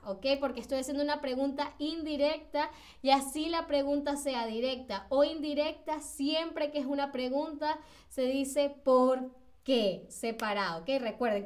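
A woman teaching Spanish grammar on a livestream, patiently repeating example sentences and checking in with her viewers. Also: high-pitched.

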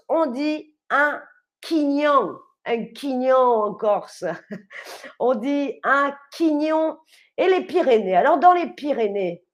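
A woman streamer chatting with her viewers and quizzing them, laughing often and stretching out key words. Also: sits high. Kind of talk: live-stream quiz chat with viewers.

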